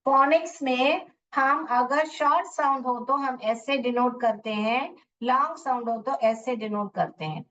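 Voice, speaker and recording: A woman with an Indian accent teaches phonics online, slow and careful, often checking whether the class is following. Her slightly high voice sits a little far from the mic, and the sound is dull and muffled. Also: fairly bright tone. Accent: Indian English. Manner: patient, repeats and checks understanding. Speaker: English teacher.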